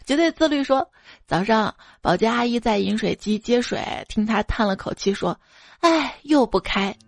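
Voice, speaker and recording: A woman's voice: fairly high pitch, lively intonation, normal speed, gravelly. A woman radio show host reading out listener jokes, playful and acting out the quoted voices.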